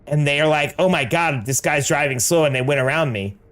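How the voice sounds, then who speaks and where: A man's voice: fairly high pitch, brisk, fairly bright tone. A middle-aged American man chatting casually while gaming, slangy and peppering his talk with dude and like. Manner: slangy, says dude and like often. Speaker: game streamer.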